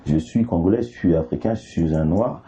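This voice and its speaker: Deep, mellow-voiced man from Côte d'Ivoire. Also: fairly quick, vocal fry, breathy edge. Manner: hesitant, with many fillers and restarts. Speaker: artist guest. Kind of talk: interview conversation. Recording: slightly dull, faint background noise.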